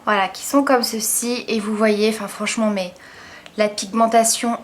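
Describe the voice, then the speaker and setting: A woman's voice: mid-range voice, fairly even intonation, normal speed, a little hiss or hum. A woman giving a casual makeup product review as a beauty vlogger, chatty and enthusiastic, with lots of hesitant fillers. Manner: enthusiastic, gushing about products.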